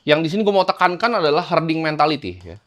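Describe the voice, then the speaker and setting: Man, fairly high voice, casual investing teacher, chops lines into short bursts. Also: very animated, quick pace, a bit bright. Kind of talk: casual lecture over slides.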